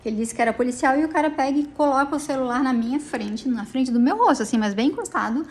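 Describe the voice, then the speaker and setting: A woman's voice: high-pitched, animated, fast, a little mellow, a little hiss or hum. A tired middle-aged woman telling of a dispute in an agitated, rambling way, with many restarts. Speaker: vlogger recounting a personal dispute. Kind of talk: emotional personal account. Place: inside a police station.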